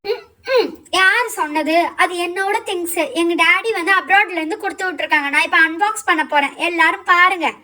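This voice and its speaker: A woman's voice: extremely high pitch, brisk, bright, forceful tone. A woman voicing Fouziya, a stubborn, boastful schoolgirl in a doll show, speaking. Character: bossy sulking schoolgirl Fouziya. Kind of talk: doll show role-play.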